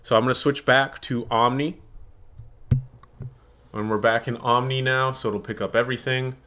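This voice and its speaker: Male tech reviewer, casual and candid, mid-pitched, speaking into a desktop condenser mic. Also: fairly even intonation, moderate pace, bright, forceful tone. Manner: candid, chatty, blunt opinions. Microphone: desktop USB condenser microphone.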